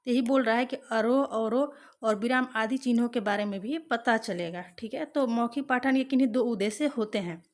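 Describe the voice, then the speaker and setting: Woman teacher going over exam questions, higher voice, repeats stuff, lots of fillers. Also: normal speed. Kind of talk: exam-prep lesson, reading out questions and answers.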